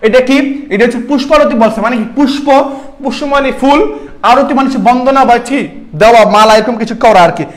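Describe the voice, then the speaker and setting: A man's voice: very high voice, fast talker. A young man, tutoring students for an admission exam, quizzing them and repeating key answers. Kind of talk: online exam-prep class.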